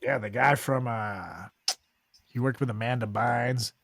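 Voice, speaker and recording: A man's voice: mid-range voice, measured pace, a bit bright, dry recording. Man joking crudely with a dry sound. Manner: laughing, crude joking banter. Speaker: podcast co-host. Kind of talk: casual chat.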